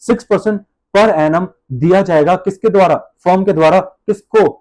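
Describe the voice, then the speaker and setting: A man's voice: sits high, moderate pace, darkish tone. A male accounts teacher giving a classroom-style lecture, calling the students "beta" and answering his own questions.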